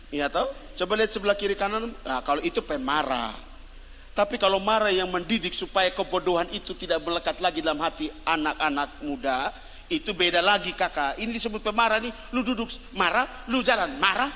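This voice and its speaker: Man, evangelist, Kupang Malay accent, animated joking sermon, faint background noise, long hall reverb. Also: high voice. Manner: animated, joking, calls for congregation responses. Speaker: evangelist preacher. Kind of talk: lively sermon.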